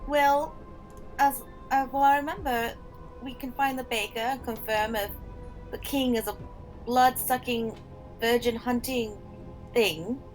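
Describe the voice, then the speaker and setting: A woman's voice: on the high side, fairly even intonation, a little slow, pauses often, faint music behind, rough recording. A woman playing a tabletop game, thinking aloud in character as she lays out options. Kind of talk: casual in-character planning.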